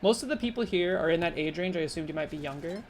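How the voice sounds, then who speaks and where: A woman live-streaming, chatting casually with her viewers in a rambling, animated way full of fillers. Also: quick pace, a little hiss or hum. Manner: animated, with sudden jumps in pitch. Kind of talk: casual live-stream chat while gaming and reading chat.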